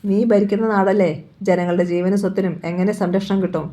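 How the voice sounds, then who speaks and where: A woman reading the part of an elderly Gandhian man, loud and rebuking, in a storybook reading. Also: mid-range voice, level tone, fast, close to an everyday voice. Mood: angry.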